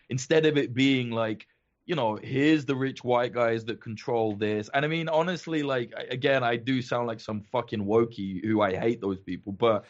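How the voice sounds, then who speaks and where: A man telling stories in an animated, sweary casual chat. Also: mid-range voice, lo-fi sound.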